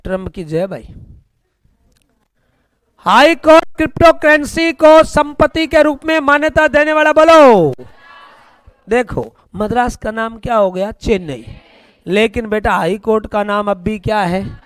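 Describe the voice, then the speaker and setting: A man's voice: very high-pitched, lively intonation, unhurried, pauses often, a bit bright, smooth, no echo. A man with a Haryanvi accent teaching a current affairs class for exam students. He keeps asking questions and answering them himself, with folksy joking asides. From India. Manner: quizzing students, asks and answers his own questions.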